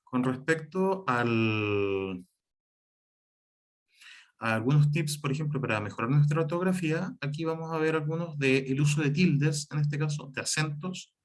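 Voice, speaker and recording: A man's voice: fairly high pitch, measured pace. A man teaching a spelling lesson, explaining the rules step by step, with frequent fillers and self-corrections. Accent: Chilean Spanish. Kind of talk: spelling lesson over slides.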